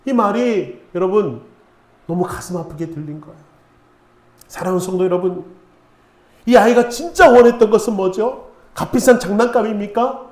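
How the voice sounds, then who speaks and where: A man's voice: high voice, normal speed, pauses often, darkish tone. A middle-aged male pastor giving a sermon, telling stories and asking rhetorical questions. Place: church sanctuary. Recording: echoey church hall.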